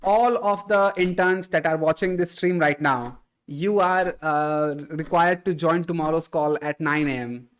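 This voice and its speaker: A male streamer talks casually into a desk microphone while playing, reading viewers' messages out loud and answering them. His voice sits a bit higher than most men's. He stays easygoing and keeps calling people "bro". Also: measured pace, clean tone. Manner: relaxed, reads viewer chat aloud and answers, says "bro" often. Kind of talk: casual livestream chat.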